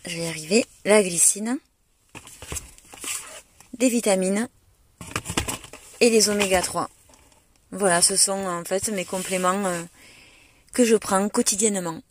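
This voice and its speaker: A woman chatting casually to camera about her day, relaxed and full of fillers. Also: mid-range voice, a little slow, pauses often, a little hiss or hum. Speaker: vlogger preparing for a fitness competition. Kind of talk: casual vlog narration.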